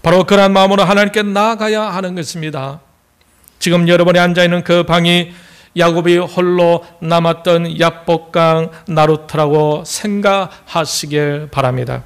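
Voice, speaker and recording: A man's voice: fairly high pitch, steady tone, normal speed, smooth. A man with a Gyeongsang accent preaching a sermon as pastor, folksy and joking as he tells a story.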